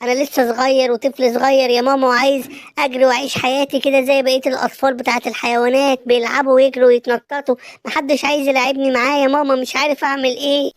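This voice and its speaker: A woman's voice: sits high, level tone, racing, no echo, clean studio sound, natural voice. A woman voicing a sad, lonely little boy elephant in an Egyptian Arabic cartoon, whining and complaining. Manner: whiny, complaining. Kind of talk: cartoon voice acting.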